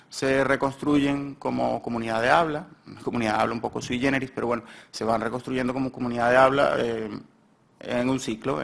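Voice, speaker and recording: A man's voice: medium pitch, gravelly. A man with a Spanish accent presenting his research at a symposium in a university seminar room, hesitant and often correcting himself as he rambles. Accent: Spain Spanish. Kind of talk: conference talk.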